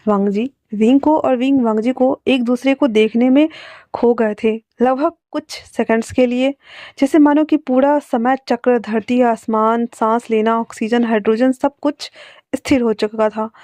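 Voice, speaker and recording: A woman's voice: a little high, steady tone, a little slow, warm tone, dry recording. A woman reading a fan fiction story aloud, with chatty, playful asides to her listeners, in a dull lo-fi recording.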